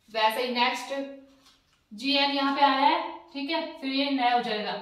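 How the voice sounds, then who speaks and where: Lady teacher going over words letter by letter, kinda high voice, sounds off-mic in a really echoey room. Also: a bit bright, recorded from a distance. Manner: spells out letters slowly and repeats words. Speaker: language teacher. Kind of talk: casual spoken lesson.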